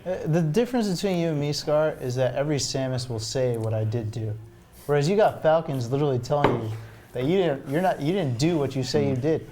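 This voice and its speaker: A man's voice: fairly high pitch, brisk, mellow. A man guesting on a panel chat, teasing and insistent as he argues his point. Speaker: guest player. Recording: noisy with clicks.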